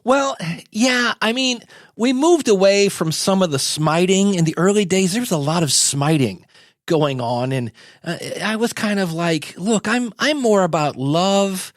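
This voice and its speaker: A man's voice: high-pitched, lively intonation, unhurried, dry recording, studio quality. A man playing an easygoing modern Jesus as a podcast guest, chatting casually and a little hesitantly about branding in a comedy interview. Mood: casual, mildly exasperated. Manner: hesitant, folksy, conversational.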